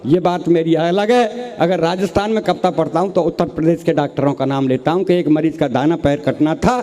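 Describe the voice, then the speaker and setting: A man's voice: on the high side, brisk, dark tone. A man from Rajasthan, a comic poet reciting a humorous story on stage, often calling the audience "brother". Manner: storytelling with quoted dialogue, addresses audience as bhai sahab.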